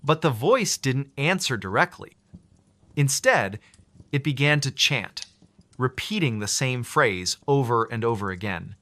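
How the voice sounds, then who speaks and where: A man's voice: mid-range voice, expressive, unhurried, bright, forceful tone, no echo. A man narrating a scripted horror story with dramatic, suspenseful delivery.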